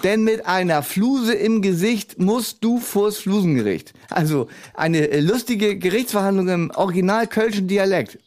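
A man's voice: high voice, moderate pace, hardly any pauses, darkish tone. A man in a scripted comedy sketch, talking in a smug, scoffing know-it-all way.

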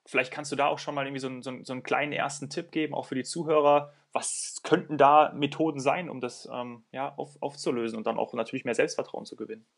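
A man's voice: medium pitch, fairly even intonation, fast, creaky, hardly any pauses. A man hosting an interview podcast who asks questions hesitantly with many fillers. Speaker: podcast host. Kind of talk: interviewing, conversational.

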